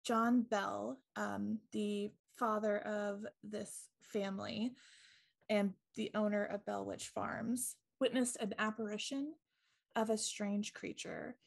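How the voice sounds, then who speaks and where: Chatty woman with a gravelly voice. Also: mid-range voice, little pitch movement, slow. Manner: chatty, many ums and likes, laughs easily. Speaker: podcast co-host. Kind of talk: casual storytelling chat.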